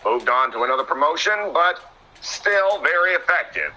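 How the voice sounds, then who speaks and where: Excitable male wrestling commentator, bright-voiced. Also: a little high, moderate pace, low-quality recording. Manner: excitable, trips over words and laughs at himself.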